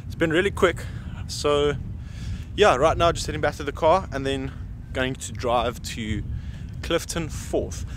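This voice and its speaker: Walking and filming on a busy outdoor city street, a photographer vlogs in a relaxed, chatty way, holding his camera at arm's length. He is a man in his thirties who speaks South African English with a fairly high pitch at a measured pace, while loud traffic noise runs through the audio.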